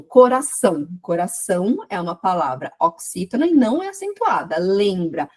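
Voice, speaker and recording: A woman teaching grammar, explaining patiently and drawing out example words slowly. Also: medium pitch, a little mellow, breathy edge. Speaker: Portuguese teacher.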